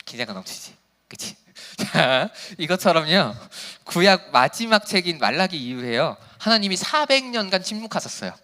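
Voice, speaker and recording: Bright-voiced man preaching to teens. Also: high-pitched, big pitch swings, moderate pace. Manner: casual, playful and slangy with teens; reads scripture quietly, then preaches animatedly. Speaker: youth pastor. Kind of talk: sermon to teenagers.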